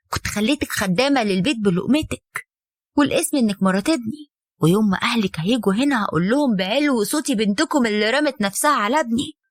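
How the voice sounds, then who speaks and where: A woman's voice: fairly high pitch, dry recording. A woman voicing a stern, weary mother-in-law who lectures her son's young wife, in Egyptian Arabic. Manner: firm, lecturing, bitter.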